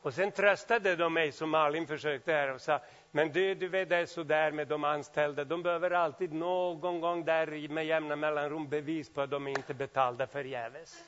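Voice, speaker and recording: A man preaching a sermon, swinging between loud exclamations and quiet asides. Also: on the high side, steady tone, dull audio.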